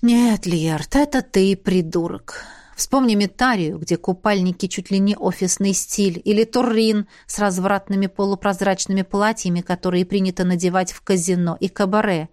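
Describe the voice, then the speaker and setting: A woman narrating a novel in the first person, with a measured reading and a hush for whispered lines. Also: mid-range voice, fairly even intonation, dry recording, clean studio sound. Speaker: audiobook narrator.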